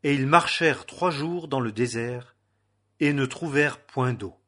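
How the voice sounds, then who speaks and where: A man reads scripture aloud in a measured, solemn narration. He takes his time, leaving long pauses between phrases. His voice has a slightly husky, breathy grain. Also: medium pitch, a bit bright. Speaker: scripture reader.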